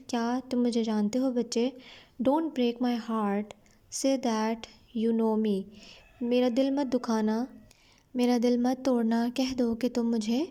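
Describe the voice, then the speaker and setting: Brief: woman teacher, Pakistani accent, slightly high mellow voice, slow careful reading with explanations. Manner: reads English lines slowly then explains in Urdu. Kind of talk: reading a novel aloud and explaining it.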